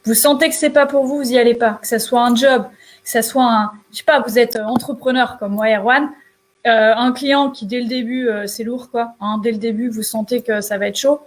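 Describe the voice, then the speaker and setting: A woman's voice: a little high, steady tone, a little fast. A woman entrepreneur co-hosting a show, giving casual motivational advice in an emphatic, colloquial way.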